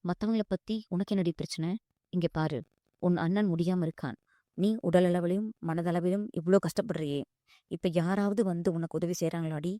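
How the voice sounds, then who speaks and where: A woman's voice: fairly low pitch, steady tone, normal speed, mellow, no room sound, clean studio sound, close to an everyday voice. A woman voicing a wealthy, insistent young man who pleads and scolds in turn. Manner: pleading then scolding, calls her "di".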